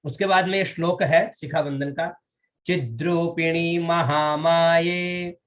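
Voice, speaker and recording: A man teaching a Vedic ritual class, explaining rites and chanting mantras slowly, syllable by syllable, and often asking his students if they follow. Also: a little high. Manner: often checks with students, asking "all right?".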